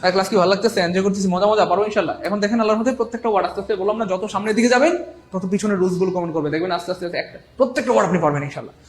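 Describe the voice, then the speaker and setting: Fast-talking male grammar teacher. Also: high-pitched. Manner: quick, repetitive drilling, playful teasing of students. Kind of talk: live online class.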